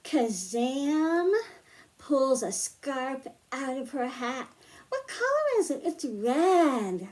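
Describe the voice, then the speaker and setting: For young children, this woman runs a storytime read-aloud with a hands-on science lesson, speaking simply and posing questions to them. Her high voice swings widely in pitch, moves very slowly, and sounds a little mellow.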